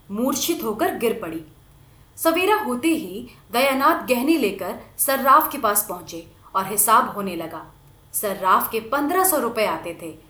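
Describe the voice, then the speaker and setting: A woman reading a novel aloud with expressive storytelling. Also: sits high. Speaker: narrator. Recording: echoey room.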